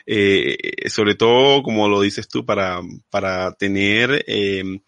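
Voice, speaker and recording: A male podcast host talks conversationally with a guest. His voice is fairly low yet bright and forceful, and it is recorded close and dry. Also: slow, no echo. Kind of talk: conversational interviewing.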